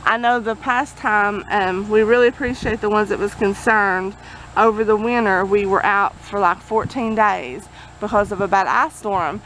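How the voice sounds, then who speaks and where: A woman's voice: mid-range voice, normal speed, a bit bright, rough recording. A woman gives a casual vlog update outdoors in a folksy, rambling way, talking over generator and vehicle noise. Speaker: vlogger. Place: outdoors near a road. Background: generator and passing vehicles.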